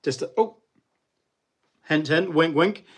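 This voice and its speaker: This middle-aged New Zealander hosts a casual livestream, rambling and slangy with viewers and laughing a lot. His voice is a little high, slow, a bit bright, and husky.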